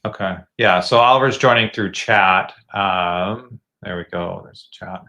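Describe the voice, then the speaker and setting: A lowish, bright-toned man hosts a video call and coaches fan designers on their models. His delivery is casual and encouraging, and he often backs up and restarts his phrases as he thinks out loud. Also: a little slow. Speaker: host giving feedback to fan designers.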